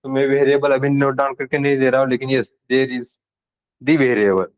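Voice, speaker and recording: A man leads a live programming lesson. He speaks at a middling pitch and addresses his students casually and directly, checking whether they are keeping up. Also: little pitch movement, normal speed, rough recording. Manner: casual and direct with students, switching between Hindi and English terms. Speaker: programming instructor. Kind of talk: live classroom lecture.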